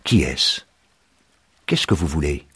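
A man voicing a gentle, grieving old man of seventy who speaks in a trembling, soft voice, read as an audiobook. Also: extremely low pitch, very animated, slow, husky, heavily acted. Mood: afraid. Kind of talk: audiobook reading.

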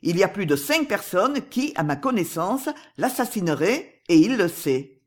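A narrator voicing a disguised male swindler, calm and commanding, in an audiobook with a husky voice. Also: mid-range voice, normal speed. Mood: cold. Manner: calm, commanding, coolly persuasive. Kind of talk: audiobook character reading.

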